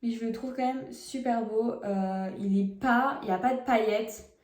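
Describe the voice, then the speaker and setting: A woman's voice: a little high, normal speed, darkish tone, echoey room. A young woman doing a casual makeup test vlog, talking frankly and chattily to her viewers while she applies products, recorded on a phone at home. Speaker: beauty vlogger. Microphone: phone camera.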